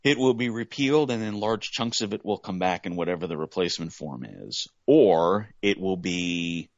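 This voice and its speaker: A man's voice: deep voice, animated, normal speed, no room sound, muffled recording. A man co-hosting a podcast, talking politics casually with many restarts before landing firm points. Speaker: podcast co-host.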